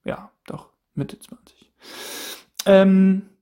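He speaks extremely slowly in a high, warm, smooth voice. A podcast host in his thirties, he delivers a casual solo monologue, thinking aloud, repeating questions and often restarting his sentences.

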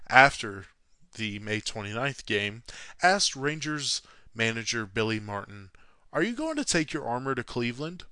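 A man's voice: lowish voice, bright, forceful tone, clean tone, no room sound. A man narrating a sports history story from a script, sarcastic and self-mocking, with frequent swearing. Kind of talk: read-from-script narration with jokey asides.

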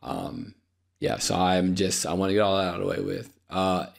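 Low-pitched and gravelly, with lively intonation at a normal speed, a young host talks on his own unscripted podcast via a podcast microphone. His manner is weary and apologetic, his voice slightly dry, and he frequently restarts and fills pauses.

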